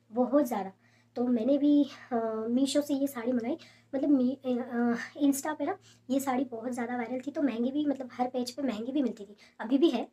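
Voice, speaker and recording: A young woman talking softly and casually at home, showing sarees in a haul video with many fillers. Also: on the high side, husky. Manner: soft, hushed talk with many fillers. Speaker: fashion vlogger showing sarees. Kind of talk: casual product haul chat.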